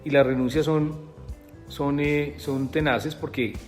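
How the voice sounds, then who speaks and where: A man's voice: a little high, steady tone, slow. Man, interview guest, rambling storytelling, many fillers, echoey reverberant room, faint background music. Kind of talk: conversational storytelling.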